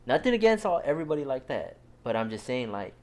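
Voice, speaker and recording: A man's voice: medium pitch, big pitch swings, fast talker, a little mellow. A young man from Southern California, co-hosting a podcast with laid-back, joking casual banter. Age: young adult. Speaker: podcast co-host. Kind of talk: casual chat.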